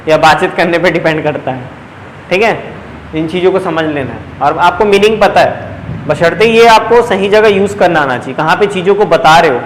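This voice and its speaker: A high-pitched young man with a Chhattisgarhi Hindi accent teaches a live coaching class, running through sentence patterns one after another. He talks to his students in a chatty, coaxing way. The sound is roomy, with a long echo and a faint hiss behind him. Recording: echoey classroom, faint background noise.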